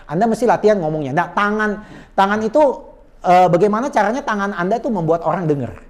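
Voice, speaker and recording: Fast-talking chatty sales trainer. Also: medium pitch, animated. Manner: chatty and emphatic, often tags sentences with a polite "Pak"; acts out sample phone greetings in a changed voice. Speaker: sales and body language trainer. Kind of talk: conversational coaching talk.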